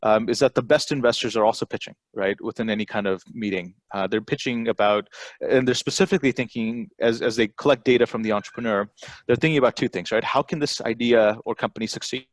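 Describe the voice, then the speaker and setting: Fast-talking man, dry close sound. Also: medium pitch, dry recording. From born in Bangladesh, raised in Texas. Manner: conversational, tag questions and frequent fillers. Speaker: angel network CEO giving a presentation. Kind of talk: informal conference talk. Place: remote, presenting from home over a video call.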